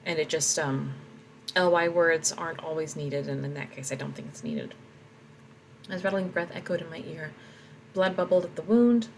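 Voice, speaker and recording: Woman author reading and editing aloud, low voice, reflective, light background noise. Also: moderate pace, rough recording. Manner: reflective, talks through her edits. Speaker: author editing her own story. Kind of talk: reading aloud and commenting on edits.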